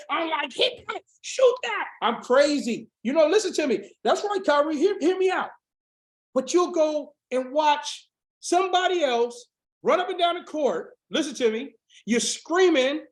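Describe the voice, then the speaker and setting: A man with a high, hoarse voice drives a motivational business training like a sermon, his lines rising into shouts and then dropping low. The sound carries a roomy echo. His delivery is fiery and insistent. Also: expressive, a little slow. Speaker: business coach. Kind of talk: motivational sales training on a video call.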